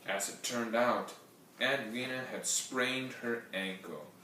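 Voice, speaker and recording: A man's voice: medium pitch, slow pace, far from the mic, slight background noise. Man reading a storybook in an echoey room. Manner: expressive, lively reading. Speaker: storybook reader. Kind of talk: reading a picture book aloud. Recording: very echoey room heard from afar.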